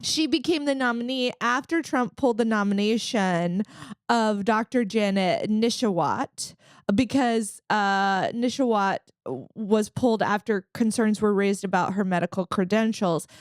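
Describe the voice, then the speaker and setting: A woman's voice: mid-range voice, no room sound, studio quality. A woman co-hosting a comedy podcast, telling rambling sarcastic stories full of fillers. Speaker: podcast co-host. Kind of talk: casual comedic chat.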